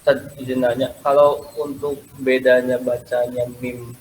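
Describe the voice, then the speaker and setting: A male student with a medium-pitched voice, quietly and hesitantly asking his teacher a question in class. A faint noise sits behind him. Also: little pitch movement, a little slow, low-quality recording.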